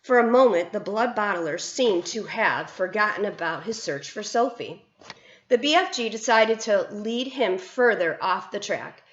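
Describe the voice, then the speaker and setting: A woman's voice: mid-range voice, a little slow, a little hiss or hum. A woman teacher reads a children's novel aloud, telling it expressively. Her voice sits mid-range and sounds roomy and slightly dull, as in a lo-fi home recording. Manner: expressive storytelling.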